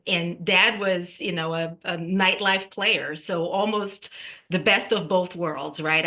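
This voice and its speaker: A woman from Brazil, a singer-songwriter guest, talking casually and reflectively, pausing on fillers and often adding "right?". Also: fairly low pitch, bright, forceful tone. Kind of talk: casual interview talk.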